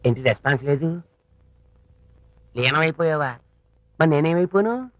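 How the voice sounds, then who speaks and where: A man's voice: fairly high pitch, lively intonation, moderate pace, very noisy, close to an everyday voice. An actor playing a boozy older father who rambles in sing-song drunk talk, pleading with his daughter for drink money. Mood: wheedling. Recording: dull film soundtrack audio.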